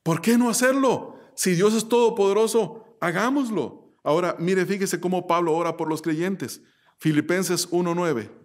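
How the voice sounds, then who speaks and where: A man's voice: high voice, moderate pace. A male pastor preaching a sermon with emphatic repetition and rhetorical questions to the congregation.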